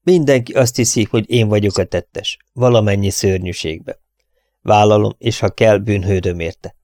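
A man's voice: lowish voice, no echo, studio quality, lightly acted. A man reading an earnest, resolute young man. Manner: quiet, steady, resolute.

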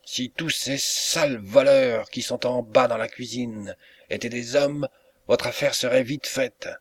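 A man reading an audiobook, voicing a calm, commanding male police inspector. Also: mid-range voice, unhurried, no echo, lightly acted. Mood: firm. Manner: steady, commanding.

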